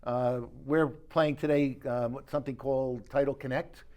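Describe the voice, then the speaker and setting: A man working as an audio dealer gives an informal product walkthrough in an exhibition suite at an audio show. His medium-pitched voice is smooth and darkish, with fairly even intonation at normal speed. He explains the gear casually, correcting himself as he goes.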